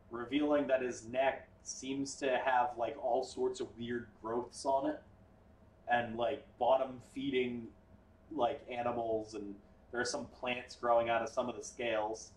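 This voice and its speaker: A man narrating as game master in a relaxed, offhand way, full of "like" and "um". He sits well back from the mic in an echoey room. His pitch is middling. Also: a little slow, far from the mic. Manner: casual, explanatory, with fillers.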